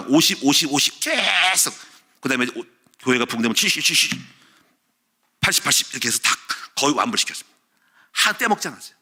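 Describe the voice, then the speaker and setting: A middle-aged male pastor preaching a sermon, telling stories animatedly and acting out the shouts he quotes. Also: fairly high pitch.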